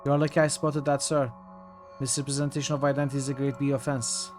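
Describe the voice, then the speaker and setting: A man playing a video game takes on the role of a young male cadet, courteous and deferential, formal as a butler and forever addressing others as sir. The delivery is flat and quick in a mid-range voice close to his everyday one, with music in the background.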